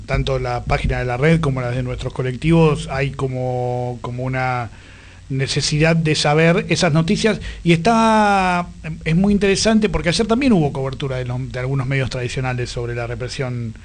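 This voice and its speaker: An Argentine man hosting a conversational radio interview, with informal, halting phrasing. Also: mid-range voice, fairly even intonation, a little hiss or hum. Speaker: radio host.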